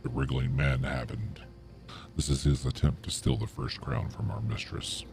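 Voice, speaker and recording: A huge old talking tree acted out by a man speaks in a heavily creaking, gravelly growl. The voice is low, grim and menacing, with solemn game role-play delivery. Music plays clearly behind it. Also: animated, normal speed, exaggerated voice. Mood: grieving, solemn. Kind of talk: video game role-play read aloud.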